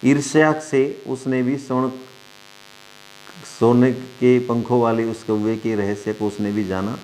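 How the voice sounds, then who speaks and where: A man's voice: mid-range voice, flat delivery, unhurried, darkish tone. A male Sanskrit teacher, giving an online class, reading a lesson aloud and translating it phrase by phrase for the children. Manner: reads a line then translates it phrase by phrase; addresses students as dear children.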